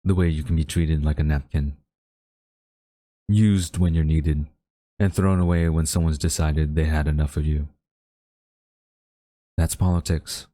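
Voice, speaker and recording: A man plays a haughty government official with a hidden tenderness for a captured villain, delivering a somber monologue to the listener in an intimate audio drama. His very low, dark, mellow voice is recorded close and dry, with no room sound or echo, and his intonation stays fairly even. His phrasing is formal, theatrical and deliberately worded.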